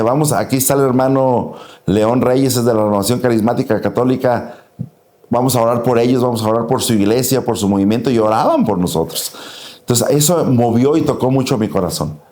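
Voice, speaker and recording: A man's voice: mid-range voice, mellow, roomy sound. A middle-aged Mexican man with a Mexican Spanish accent, giving an earnest personal faith testimony and acting out the dialogue as he tells it.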